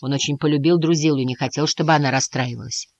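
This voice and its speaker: A woman narrating a children's audiobook with an expressive, lively reading. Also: sits low, fast talker, no room sound, lo-fi sound. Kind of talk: storybook narration.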